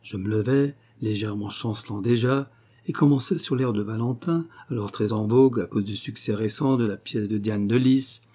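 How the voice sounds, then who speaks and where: A man narrates a classic tale with a mellow, warm tone. His delivery is measured and steady, in a scripted reading style. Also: on the low side. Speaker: audiobook reader.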